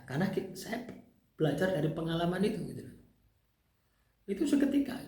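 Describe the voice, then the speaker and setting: A man's voice: high-pitched, darkish tone, roomy sound. A man with a Javanese accent recounting his own experiences in casual spoken testimony, habitually tagging his sentences with little checking phrases. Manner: conversational, tags phrases with "gitu loh, ya". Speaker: speaker sharing personal experience.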